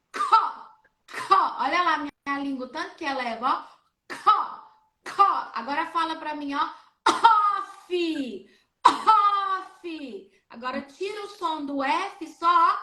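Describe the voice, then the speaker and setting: A woman's voice: high voice, sharp tone, roomy sound. A speech therapist woman with a Brazilian Portuguese accent, explaining on a live stream and acting out coughs and vowels as she demonstrates.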